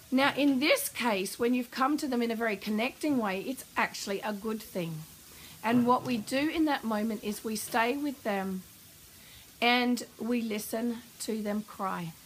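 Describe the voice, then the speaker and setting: A woman parenting coach answering a viewer's question, explaining calmly and warmly. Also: on the high side, a little hiss or hum, rough recording. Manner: calm, warm explanatory advice.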